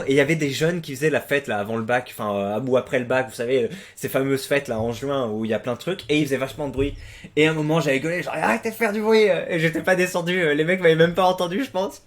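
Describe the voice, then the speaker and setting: A man's voice: a little high, a bit bright. Rambling young man, crude and offhand. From France. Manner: rambling, hesitant with frequent fillers and restarts; crude slang, swears freely. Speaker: YouTube host reading viewer posts. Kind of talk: casual commentary on forum posts.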